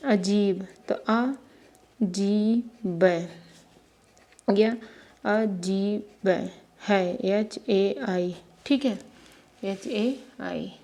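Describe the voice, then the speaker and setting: A woman teacher giving a spelling lesson, slowly spelling names out letter by letter. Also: mid-range voice, warm tone.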